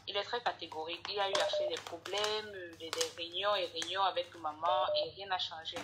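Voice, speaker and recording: A woman's voice: mid-range voice, sharp tone, rough recording. A woman calling in for advice, hesitant and stumbling as she restarts her sentences. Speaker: caller seeking advice.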